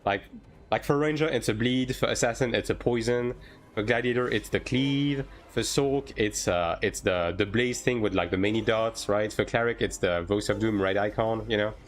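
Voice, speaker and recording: A native French speaker from France, this game streamer answers viewers casually on a livestream at a normal speed in a lowish voice. He hedges informally and likes to tack "right?" onto his sentences.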